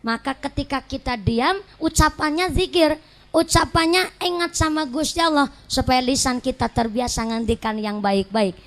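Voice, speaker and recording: A woman preacher with a high voice and a Banyumas Javanese accent delivers a comic sermon. She tells playful stories and slips regional dialect words into her talk. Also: normal speed. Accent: Banyumas Javanese (Ngapak). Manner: jokey storytelling, mixes regional dialect words into Indonesian. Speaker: Islamic preacher. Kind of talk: humorous sermon.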